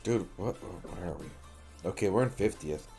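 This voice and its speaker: Dude with a really deep voice hosting a late night gaming stream, cussing and joking around, bit of music in the back. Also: male voice, normal speed, creaky, dark tone. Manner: loose, profane and joking, talks to viewers as buddy. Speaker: livestream host.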